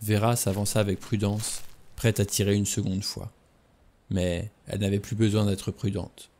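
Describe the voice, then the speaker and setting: Low-voiced man reading a novel. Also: level tone, darkish tone. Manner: slow, deliberate, dramatic pauses. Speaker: audiobook reader. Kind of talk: novel read aloud.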